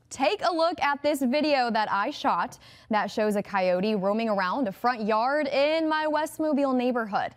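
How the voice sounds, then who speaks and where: Female TV anchor, slightly high-pitched, brisk and upbeat scripted delivery. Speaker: news anchor. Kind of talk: scripted news reading.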